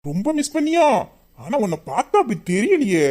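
A performer plays a lovesick young man in a romantic audio drama. He grumbles and sulks in a mid-pitched voice, putting on anger he cannot keep up. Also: sing-song, a little fast, a little mellow, lightly acted. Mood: sulky. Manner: grumbling, mock-angry, then tender.

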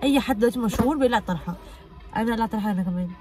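A young woman with an Egyptian Arabic accent, chatting fast and teasingly while pranking her husband on the street. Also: a little high, faint music behind. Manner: fast, teasing, stubbornly calm. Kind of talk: casual prank vlog chat. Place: outdoors on a street.

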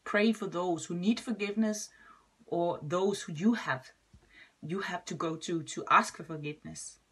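Woman, husky breathy voice, gentle testimony, soft trailing endings. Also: lowish voice, measured pace. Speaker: schoolteacher and guest speaker. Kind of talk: short personal testimony.

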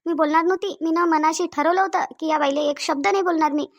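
Woman doing a fast, high Varhadi cartoon mother, scolding, taunting. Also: steady tone. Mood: angry. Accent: Varhadi Marathi. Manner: taunting, shouting, mocking quotes. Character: shrill, angry middle-aged mother of a sick daughter.

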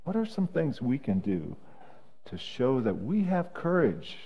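A male pastor giving a children's message in a church sanctuary, talking gently and haltingly with many fillers, then leading a prayer. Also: mid-range voice, very animated, creaky, slightly rough, highs cut off.

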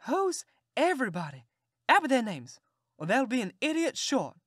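A woman voicing Aunt Sally, a fussy, sharp-tongued Southern farm aunt who scolds and exclaims. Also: medium pitch, sing-song, normal speed, no echo, clean studio sound. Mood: scolding.

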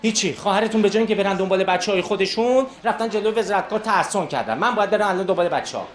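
A man's voice: high voice, slight background noise, close to an everyday voice. An actor playing a harried husband and father, polite and placating but exasperated. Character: henpecked office-working husband, patient and weary. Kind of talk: TV comedy series acting.

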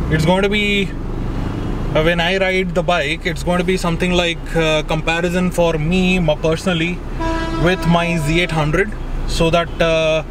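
A man in his thirties with an Indian English accent, chatting casually to the camera from inside a car, rambling with many fillers. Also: a little high. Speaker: motovlogger. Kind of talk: casual vlog narration. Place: inside a car in city traffic. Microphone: camera mounted on the dashboard. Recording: clear traffic noise in the background. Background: traffic noise.

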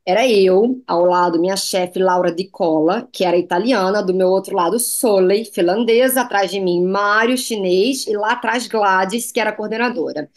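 A Brazilian woman with a Brazilian Portuguese accent, a fashion designer telling lively anecdotes as a guest in a TV interview. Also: mid-range voice, normal speed, few pauses. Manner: lively anecdotes, slips into foreign phrases. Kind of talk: TV interview storytelling.

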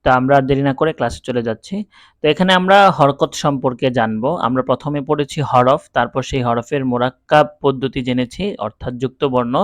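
A man's voice: mid-range voice, dry recording. Patient male Quran reading teacher. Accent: Bangladeshi Bengali. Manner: patient, explanatory, with drawn-out letter drills. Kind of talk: step-by-step lesson, spelling out letters.

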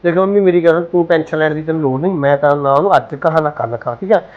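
A man's voice: fairly high pitch, racing, dull audio, lightly acted. An actor playing a young man on night duty who insists and complains to his mother and sister-in-law. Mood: aggrieved. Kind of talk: Punjabi short film acting.

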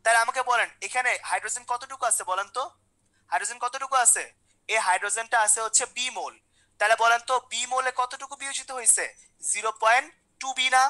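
Fast, bright-voiced woman chemistry teacher. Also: a little high, low-quality recording. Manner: repeats questions, coaxes students by name. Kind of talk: online class lecture.

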